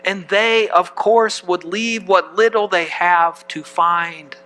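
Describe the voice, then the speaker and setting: A man's voice: sits high, fairly even intonation, slow pace, sharp tone, rough recording. A man preaching a sermon as pastor, reading scripture aloud and putting questions to the congregation.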